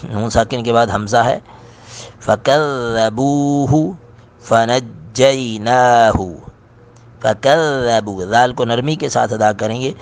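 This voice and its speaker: A man teaching Quran recitation, chanting verses slowly and melodically, then briskly explaining pronunciation rules. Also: medium pitch, steady tone. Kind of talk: tajweed lesson with recitation.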